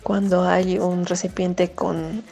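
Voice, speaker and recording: A woman, co-hosting a radio show, telling a story in a chatty, animated way with lots of fillers. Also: fairly low pitch, takes it slowly, gravelly, low-quality recording. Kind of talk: casual radio commentary and anecdote.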